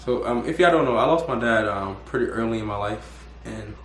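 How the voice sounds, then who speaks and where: This young man's mid-range voice is expressive and a little fast as he hosts a casual interview, slight noise in the background. The room is echoey, and he keeps rambling, restarting questions and repeating himself.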